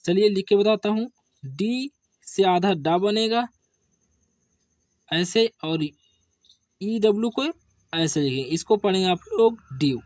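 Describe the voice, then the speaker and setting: A man teaching an English spelling lesson to children, asking questions and answering them himself in a lower voice. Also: expressive, slow, pauses often, a little mellow, no room sound, clean studio sound. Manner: addresses viewers as children. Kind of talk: slow classroom-style spelling lesson.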